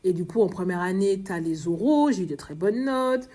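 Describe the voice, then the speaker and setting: A woman from Martinique with a Martinican French accent hosts a personal podcast, sounding worn out. Her voice is warm and dark, and she talks fast, often restarting her sentences and softening her R sounds. She speaks in a confiding way, straight to one listener. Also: mid-range voice, lively intonation. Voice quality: fast, stumbling speech with dropped R sounds. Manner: frequent restarts and fillers, confiding tone. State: exhausted. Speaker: podcast host.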